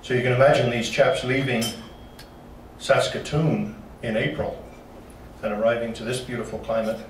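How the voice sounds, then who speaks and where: A man's voice: mid-range voice, flat delivery, normal speed, a little hiss or hum. A man giving a slide-show history talk to a club, folksy and dropping joking asides. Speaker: local history presenter. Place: meeting room. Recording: roomy hall from far off.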